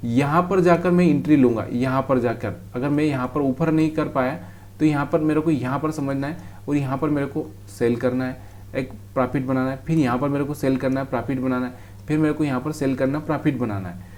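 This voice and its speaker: A man's voice: medium pitch, fairly even intonation, brisk, a little mellow, slight background noise. A man teaches trading over a chart in a casual, direct way, calling the viewer brother. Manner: talks straight to the viewer, calls them brother.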